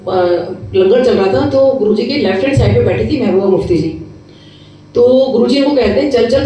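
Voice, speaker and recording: A middle-aged woman, a dentist, telling a devotional testimony in a lively storytelling way, acting out the voices she quotes and slipping in English phrases. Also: fairly high pitch. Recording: echoey room, mic at a distance.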